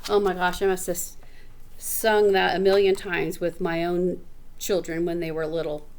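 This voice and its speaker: A fairly low-pitched woman speaks at normal speed over slight background noise. She's a middle-aged teacher reading a picture book to kids, animated and full of chatty asides that explain words.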